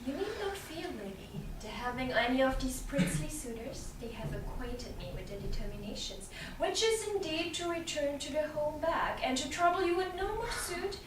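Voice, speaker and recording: High-voiced Nerissa, played by a woman, echoing room. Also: expressive, normal speed. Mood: reassuring. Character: loyal, teasing young lady-in-waiting. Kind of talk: staged reading of Shakespearean comedy. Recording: echoey, noisy room from far off.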